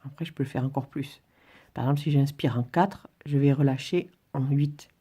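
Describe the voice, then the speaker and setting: A woman's voice: rumbling low, normal speed, dark tone, breathy edge. A woman instructor giving an informal drawing and relaxation tutorial, demonstrating as she talks in a hesitant, stop-and-start way. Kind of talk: informal spoken tutorial, demonstrating while talking.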